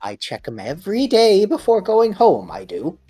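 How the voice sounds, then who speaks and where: A woman voicing a gruff old studio security guard with a drawling, slangy, gangster-ish way of talking. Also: mid-range voice, wildly swooping pitch, moderate pace, mellow, faint music behind. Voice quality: strained, gravelly put-on voice.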